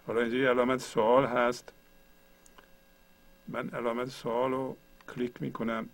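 A man's voice: mid-range voice, little pitch movement, rough recording. A man teaching a computer tutorial, patiently explaining each step one at a time. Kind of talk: screen-share tutorial.

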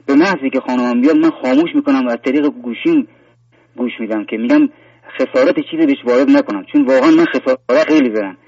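A man's voice: mid-range voice, darkish tone, dry recording. A man calling in to a talk program, telling a personal story earnestly, rambling with many fillers and restarts. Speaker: caller. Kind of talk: phone-in sharing a personal story. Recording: muffled phone-in line, distant.

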